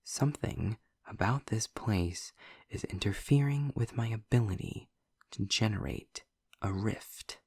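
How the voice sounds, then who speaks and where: A man performs a snarky, sardonic demon trapped in hell for a scripted audio roleplay aimed at the listener, sounding irritated as he draws out each sarcastic line deliberately. His gravelly, husky low voice has breathy edges, a slightly mellow tone, and exaggerated, expressive character, recorded close to the mic with no room sound.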